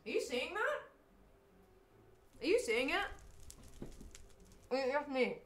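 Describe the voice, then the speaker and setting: Lively, bright-voiced woman streamer. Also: sits high, slow. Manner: thinks aloud, bursts into squeals of delight. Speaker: game streamer. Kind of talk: casual live-stream chat while building.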